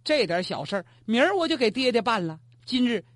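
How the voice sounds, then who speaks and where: A man's voice: extremely high pitch, sing-song, fairly quick, dry recording, heavily acted. A man voicing a nervous, apologetic emperor who is a dutiful son, in a storytelling performance. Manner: flustered, apologetic. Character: anxious young male emperor, dutiful son.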